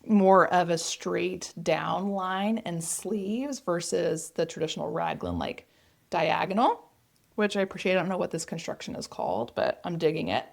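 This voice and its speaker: A woman's voice: lowish voice, animated, moderate pace, gravelly. A woman with an Oklahoma accent, chatting casually and enthusiastically as the host of a knitting vlog.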